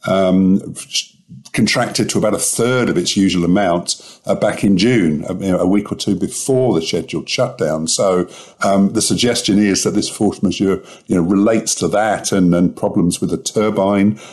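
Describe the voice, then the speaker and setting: A man talks through oil and gas news as a guest analyst, pausing often on ums. His voice sits low and sounds a little rough, as it does early in the morning. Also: a little mellow. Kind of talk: casual expert commentary.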